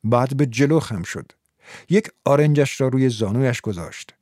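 A man narrating an audiobook in a measured, steady reading. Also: mid-range voice, no room sound, clean studio sound.

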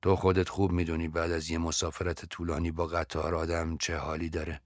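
A man voicing a breezy young man who talks offhand and teasing, in a very deep voice. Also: flat delivery, dry recording, studio quality, lightly acted.

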